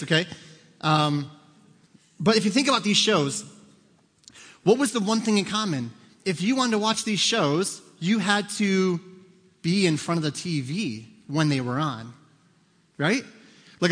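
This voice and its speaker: With a high-sitting voice and a sharp tone, a pastor in his thirties preaches in a conversational way, joking and testing the congregation with questions. The church auditorium adds a long hall reverb.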